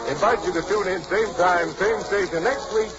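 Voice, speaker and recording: A man announcing sponsor messages and the sign-off in a smooth, measured way, heard as an old radio broadcast transcription disc. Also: high voice, dull audio.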